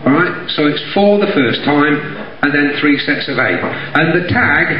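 A man's voice: a little high, expressive, unhurried. A middle-aged man with an East Midlands accent from Derbyshire, teaching line dancing live in a jokey, chatty way and calling out the steps. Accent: East Midlands English, Derbyshire. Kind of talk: live dance instruction, counting steps. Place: stage in a community hall. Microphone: handheld microphone through PA, recorded from the audience. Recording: echoey hall, dull sound, audience heard.

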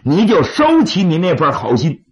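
A man, as a dramatic storyteller, voicing a stubborn, blustering bandit chieftain with a gravelly voice. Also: a little high, wildly swooping pitch, normal speed. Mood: defiant. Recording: slightly dull, lo-fi audio.

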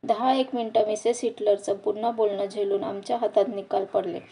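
A woman reading a novel aloud with steady storytelling narration. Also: medium pitch, a little fast, vocal fry, husky, distant mic. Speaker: audiobook reader.

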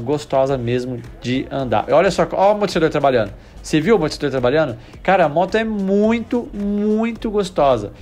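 A man's voice: medium pitch, a little mellow. A man hosting a motorcycle channel, giving enthusiastic casual test-ride commentary straight to his viewers, repeating himself as he goes.

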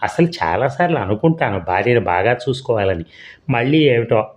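A man's voice: medium pitch, expressive, moderate pace, natural voice. A man voicing a hot-tempered young husband in a storybook reading, speaking in a regretful, pleading way. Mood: remorseful. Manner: coaxing, then regretful and pleading. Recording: dull lo-fi recording.

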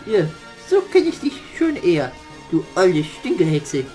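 A man's voice: sits high, huge pitch swings, measured pace, a little mellow, heavily acted. A cheeky raven servant in a puppet theater play grumbles and talks back, voiced by a man. His voice swoops all over the place with sassy whining. Faint music plays in the background. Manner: sassy, whiny and back-talking.

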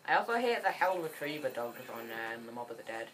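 Low-voiced woman, chatty gamer. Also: a little fast, a little hiss or hum. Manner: chatty and excitable, rambling with frequent restarts. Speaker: gaming channel host. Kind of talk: casual gameplay commentary.

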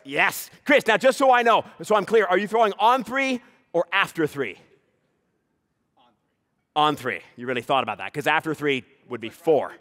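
A man's voice: on the high side, expressive, moderate pace, a bit bright. A man performing a live comedy juggling act, teasing a volunteer in playful banter and hyping the crowd. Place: live stage before an audience.

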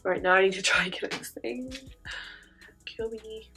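This fast-talking makeup vlogger has a medium-pitched voice that's gravelly, bright and forceful, though also congested and sniffly. She chats casually through the tutorial, peppering it with "um" and "like," as faint music plays behind.

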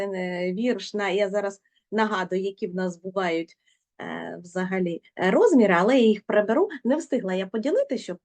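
A woman's voice: medium pitch, darkish tone. A woman teaching a poetry lesson, prompting her students with questions and coaxing them to answer. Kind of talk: literature lesson.

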